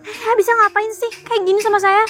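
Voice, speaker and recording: A woman's voice: extremely high pitch, flat delivery, brisk, a bit bright, soft background music. An actress playing a kidnapped young woman who pleads with and argues back at her captor in a web drama. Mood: pleading. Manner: pleading yet argumentative. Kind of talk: amateur web drama acting.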